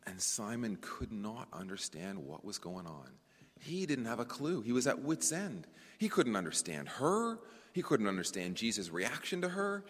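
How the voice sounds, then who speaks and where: A man preaching a conference sermon to brothers and sisters, animated, often repeating words as he searches for the phrasing. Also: on the low side, normal speed. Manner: addresses listeners as brothers and sisters. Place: conference hall. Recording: long hall reverb.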